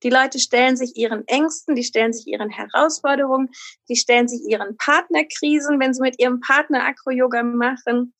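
Calm, articulate woman guest, slightly high voice. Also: fairly quick. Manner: calm, articulate, structured explanations. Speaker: guest, acro yoga teacher. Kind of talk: reflective interview answers.

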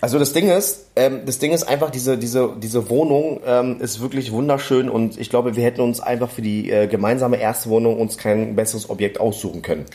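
A man chatting casually as a podcast co-host, relaxed and halting with many fillers. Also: mid-range voice. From Germany. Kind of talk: casual chat.

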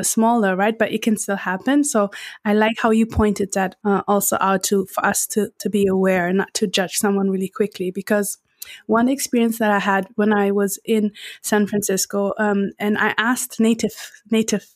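A woman from Germany hosting a podcast, asking questions with searching restarts and soft affirming murmurs. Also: fairly high pitch, no echo, clean studio sound. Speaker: podcast host. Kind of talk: interview questions.

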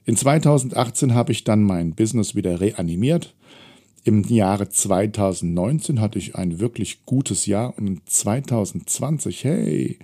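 A man's voice: lowish voice, dark tone. A middle-aged man, a self-employed trainer, candidly and wryly telling his own story of setbacks. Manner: candid, reflective, wry. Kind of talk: personal storytelling talk.

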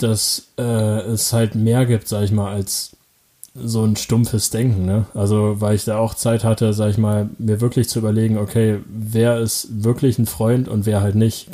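In a relaxed interview, a young German man gives casual answers as he works through his story, often halting, using fillers, restarting, and letting out short laughs. His voice is low and dark with almost no variation in pitch.

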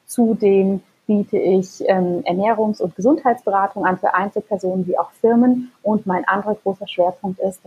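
A woman's voice: mid-range voice, warm tone, husky, lo-fi sound. A woman from Germany, a physician and health coach, speaking articulately and enthusiastically as a podcast guest. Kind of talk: conversational interview.

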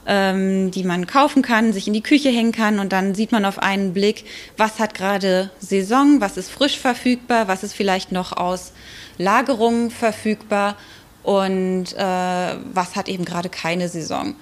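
On an explanatory podcast interview, a woman with a mid-range voice speaks as an expert guest, keeping her intonation fairly even. She proceeds at a measured pace, now and then stopping briefly to find her words.

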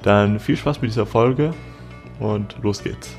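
A man with a fairly low voice hosts a podcast interview. He talks in an upbeat, chatty way with a few fillers, and soft music plays faintly behind him. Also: measured pace, vocal fry. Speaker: podcast host.

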